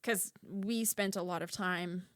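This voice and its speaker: A woman co-hosts a casual podcast chat, spinning animated stories and peppering them with "like." Her voice is bright and forward, and it sits dry and close with almost no room around it. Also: lowish voice, measured pace, dry recording. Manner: animated storytelling full of "like". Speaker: podcast co-host, former haunted attraction actor.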